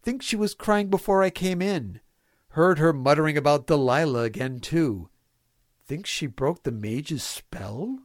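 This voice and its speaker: A man's voice: fairly high pitch, expressive, measured pace, dry recording, studio quality. A man voicing a folksy, fatherly villain mayor who dictates his diary in clipped, prim phrases for a comic reading. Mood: downcast. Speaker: reader of a fan fiction comedy podcast.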